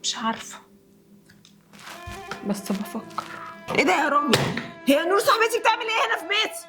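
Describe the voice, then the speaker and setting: A woman plays a jealous young Egyptian wife in a comedy sketch, high and fast-talking, throwing sharp sarcastic jabs. Soft music plays under the dialogue. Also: expressive. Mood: shrill accusing. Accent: Egyptian Arabic. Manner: shrill, sarcastic outbursts.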